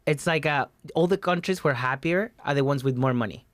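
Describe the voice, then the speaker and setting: An animated man from Chile in his thirties chats in a casual comedy podcast, with a Chilean Spanish accent. His voice sits a little high. The sound is close and dry, recorded on a desk boom mic in a small curtained studio. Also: brisk, no room sound. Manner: animated, gestures a lot, playful. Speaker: podcast co-host. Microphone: desk mic on boom arm.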